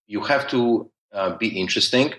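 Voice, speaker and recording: As a podcast guest in a conversational interview, a Polish man speaks at length in a thick accent from his home country, restarting often and filling pauses. His voice is lowish and a bit bright, moving at a moderate pace.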